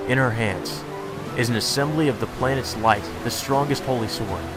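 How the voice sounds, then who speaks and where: A let's play host reads from a visual novel at a normal speed in a medium-pitched voice, mixing dramatic readings with offhand remarks. Game music plays in the background of the recording.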